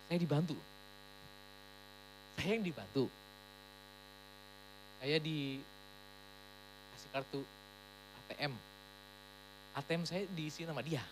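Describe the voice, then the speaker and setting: A woman pastor giving a sermon at a church service in a lively, emphatic way, slipping English phrases into her talk. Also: low-pitched, slight background noise, poor audio.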